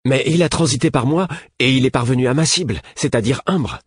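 A man voicing an eager, impatient young prince in a lively, excitable voice. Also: sits low, normal speed, slightly rough, no room sound, full character voice. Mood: excited.

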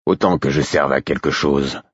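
A man with a very deep voice playing a plain-spoken, kindly working man, gruff but gentle. The voice is husky and rough, recorded close and dry, and it sounds dull and lo-fi. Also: steady tone, normal speed, no room sound. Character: gruff, kindly man with big tanned hands. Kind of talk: audiobook reading.

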